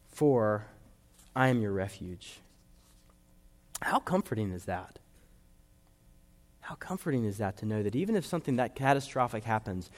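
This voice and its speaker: A man preaching a sermon in a church, earnest, slowing down and dropping to soft low tones for emphasis. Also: long reverb tail. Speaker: pastor.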